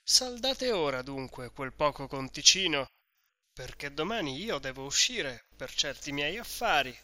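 A man's voice: a little high, very animated, a little slow, no room sound, heavily acted. A man doing a sly, coaxing innkeeper. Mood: wheedling. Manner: coaxing, falsely gentle. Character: sly wheedling middle-aged innkeeper.

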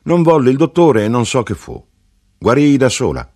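A man's voice: mid-range voice, sing-song, moderate pace, a little mellow, pitched above the performer's own voice. A man voicing a blunt older mother. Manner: curt, matter-of-fact replies.

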